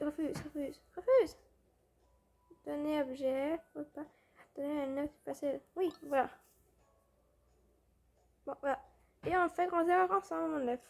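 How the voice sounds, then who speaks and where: Casting: young woman, high voice, chatty gameplay host. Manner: chatty, with fillers and restarts. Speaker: gaming video host. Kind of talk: casual gameplay commentary.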